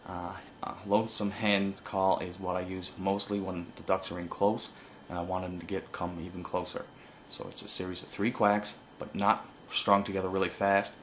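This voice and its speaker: A man giving an informal hands-on tutorial as an instructor, explaining haltingly with pauses and no script. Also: sits low, level tone, fairly bright tone, slight background noise. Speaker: duck-calling instructor.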